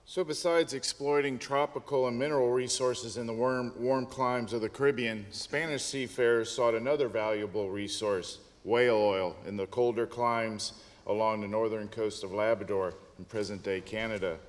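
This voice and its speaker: A man moderating a conference, reading a formal introduction in a measured way. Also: medium pitch, fairly even intonation. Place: conference hall. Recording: hall reverb.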